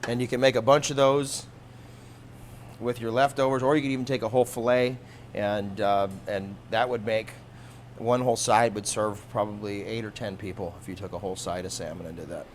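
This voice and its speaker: A man demonstrating a recipe in a studio kitchen, explaining each step in a relaxed, practical way. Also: fairly low pitch, fairly quick, a little hiss or hum. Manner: relaxed, practical, thinks aloud with small restarts. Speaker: cooking demonstrator, fisherman.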